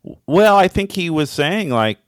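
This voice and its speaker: A man's voice: on the high side, sing-song, moderate pace, no echo, clean studio sound. A man co-hosting a podcast in casual chat, reflective and searching for words with many fillers. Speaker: podcast co-host.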